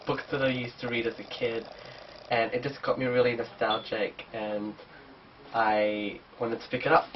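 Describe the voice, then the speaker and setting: A book vlogger with a cold chats casually through a book haul, his mid-range voice blocked and nasal. A distant, dull camera mic picks him up over slight background noise.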